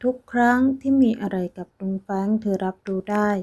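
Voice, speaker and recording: A woman narrating a romance story in a slow, even reading style. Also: medium pitch.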